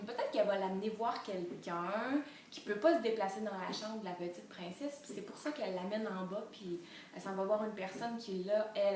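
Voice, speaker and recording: A woman with a Quebec French accent, reading a storybook aloud to toddlers in an animated way and spelling out syllables slowly. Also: mid-range voice. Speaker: children's reading educator. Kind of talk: enriched read-aloud lesson for toddlers. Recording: very echoey room, distant mic, faint noise.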